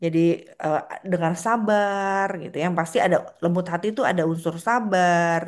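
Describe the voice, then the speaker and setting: A woman's voice: lowish voice, a little fast. A woman preaching a sermon in a conversational way, a mother who acts out the voices she quotes. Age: adult with a child.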